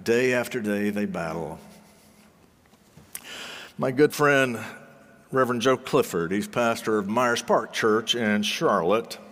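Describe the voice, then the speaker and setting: A man preaching a sermon in deliberate, solemn phrases, with rhetorical repetition and dramatic pauses. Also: mid-range voice, fairly even intonation, fairly bright tone. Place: large reverberant hall or sanctuary. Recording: long hall reverberation.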